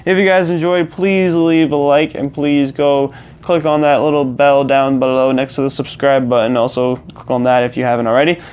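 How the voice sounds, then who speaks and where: A man's voice: mid-range voice, flat delivery, moderate pace, few pauses, darkish tone, smooth, highs cut off. A young man hosting his own channel, talking through a rambling, casual rant into a personal mic, restarting and repeating himself. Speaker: gaming channel host. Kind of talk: casual ranting monologue.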